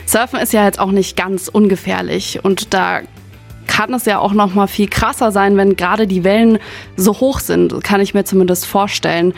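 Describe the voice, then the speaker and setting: A woman's voice: medium pitch, fairly even intonation, normal speed, creaky, soft background music. Casual Franconian radio host woman. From Franconia, Germany. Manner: friendly, casual phrasing. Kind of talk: radio interview.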